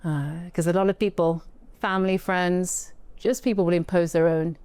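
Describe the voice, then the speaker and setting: A woman guest talks through her story in a relaxed interview, reflective and a little halting, restarting her sentences now and then. Her voice sits on the low side and sounds smooth and clear. The recording is dry and close. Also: no room sound. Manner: reflective, with frequent restarts and soft laughs. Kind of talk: casual interview conversation.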